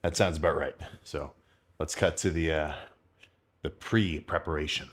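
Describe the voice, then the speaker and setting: A man's voice: very deep voice, steady tone, normal speed. A man in his twenties chatting in a casual, rambling, slangy way, as a fitness vlogger. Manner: rambling, informal, full of slang and mild swearing. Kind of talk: casual unscripted vlog chat about eating and training.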